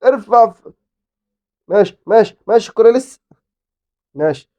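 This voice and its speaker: A man with an Egyptian Arabic accent, giving excitable live commentary on his own football game as a gaming YouTuber. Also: high-pitched, moderate pace, muffled recording. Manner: excitable, exclaiming and pleading at the game.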